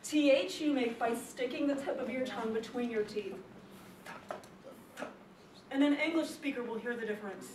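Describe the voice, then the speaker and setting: A woman teaching a classroom speech lesson on pronunciation, lively and emphatic, repeating her key points. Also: fairly high pitch, moderate pace, long pauses. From not from the Chicago area. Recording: echoey classroom, distant mic, background noise.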